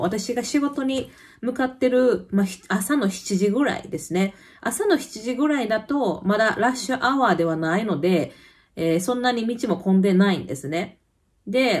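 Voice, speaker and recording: A woman in her thirties with a Kansai Japanese accent, chatting casually in her vlog and telling everyday stories. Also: mid-range voice. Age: 30s. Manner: chatty storytelling with lively quoted voices. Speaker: vlogger. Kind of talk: casual chat. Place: home in Copenhagen.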